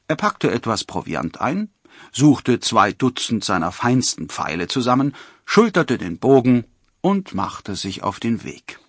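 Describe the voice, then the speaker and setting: A man narrating a storybook in an expressive reading. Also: medium pitch, husky, dry recording, clean studio sound.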